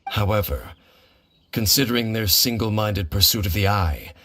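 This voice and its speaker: An actor voices a grave, reserved male wanderer in a video game. His delivery is formal, measured, and calm, and his voice sits on the low side.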